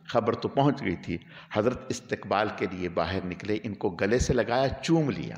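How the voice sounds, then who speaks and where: A man preaching a weekly sermon, telling a story with animated swings between quiet narration and emotional peaks. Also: sits low. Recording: long hall reverb.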